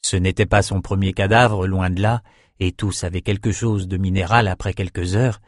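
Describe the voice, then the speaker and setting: Un homme qui narre un roman en livre audio, d'une lecture posée et régulière. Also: male voice, low-pitched, fairly even intonation, moderate pace, no room sound. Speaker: narrator. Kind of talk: scripted audiobook narration. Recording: dry studio recording.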